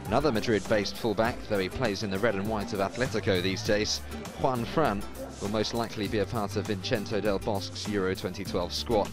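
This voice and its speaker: A man narrating a scripted sports feature in a measured, informative way. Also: on the low side, steady tone. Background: guitar music.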